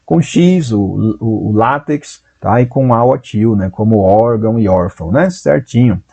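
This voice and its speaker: A Brazilian man teaching Portuguese in a live online exam-prep class, talking in a lively, chatty way and answering viewers by name. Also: lowish voice, a little slow, gravelly, slightly rough. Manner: voices students' doubts in a raised voice.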